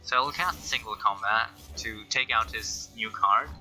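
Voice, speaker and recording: Very bright-voiced man commenting on a game. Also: fairly low pitch, measured pace, soft background music, low-quality recording. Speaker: gameplay commentator.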